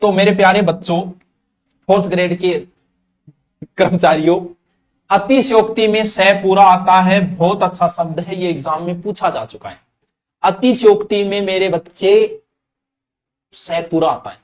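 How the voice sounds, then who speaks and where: Chatty high-voiced Rajasthani teacher. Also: male voice, a little slow, pauses often. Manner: chatty, addresses students directly, slips into Rajasthani dialect. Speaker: Hindi grammar teacher for exams. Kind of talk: live online exam-prep class.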